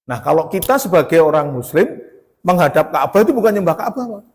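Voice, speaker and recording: A man's voice: fairly high pitch, big pitch swings, fast talker. A man giving a sermon, telling stories with quoted dialogue and rising to emphatic peaks. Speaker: preacher. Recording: long hall reverb.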